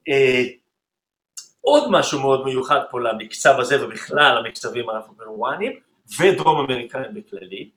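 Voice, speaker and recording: A man's voice: medium pitch, lively intonation, fairly bright tone, roomy sound. Man teaching rhythm, counting beats aloud. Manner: counts beats aloud and vocalizes drum patterns; patient, explanatory. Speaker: music teacher. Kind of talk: explaining rhythm in an interview.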